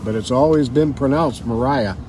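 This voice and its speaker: Man, co-host chatting casually on the road, average pitch, whistly sibilants, noticeable vehicle noise around him. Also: measured pace, recorded from a distance. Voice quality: whistled S sounds. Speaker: livestream co-host. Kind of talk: casual live patrol chat. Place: moving car on city streets. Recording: clear road and traffic noise. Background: traffic and vehicle noise.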